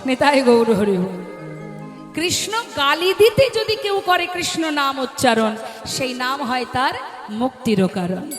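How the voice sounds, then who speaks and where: Woman kirtan preacher, high voice, sermon over a stage mic with soft music in a roomy hall. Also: very animated, unhurried. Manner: addresses listeners as mother, asks them questions. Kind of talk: devotional sermon to a live audience.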